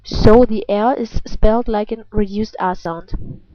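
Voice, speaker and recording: A woman with a German accent teaches pronunciation at an unhurried pace, showing off a throaty R in her examples. Her pitch is average for a woman. The recording is dry and somewhat dull, like a low-fidelity home lesson. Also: steady tone, dry recording. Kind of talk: instructional language lesson. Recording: dull, lo-fi sound.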